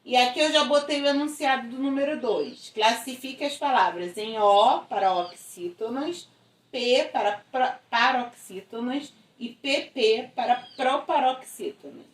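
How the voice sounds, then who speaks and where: Speaking at a measured pace in a slightly high voice, this woman teaches schoolchildren through a recorded video lesson, her Brazilian Portuguese accent clear. She breaks things down step by step and keeps asking tag questions to check understanding. The room echoes and she sounds far from the microphone.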